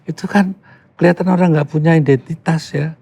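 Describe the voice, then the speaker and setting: Older man, relaxed and emphatic. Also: a little high, fairly quick. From Yogyakarta, Indonesia. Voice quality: relaxed, emphatic, drops in English phrases. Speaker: podcast guest. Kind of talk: casual conversation.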